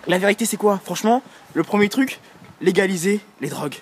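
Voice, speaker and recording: A man's voice: high-pitched, brisk, a little hiss or hum. A young man ranting casually and provocatively, rambling with lots of fillers and slang, recorded in a vehicle. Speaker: vlogger. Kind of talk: casual rant vlog.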